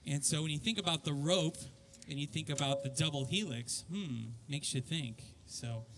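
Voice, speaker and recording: A man's voice: fairly high pitch, normal speed, very noisy. A middle-aged man, the writer of the musical, making chatty, rambling remarks to a live audience.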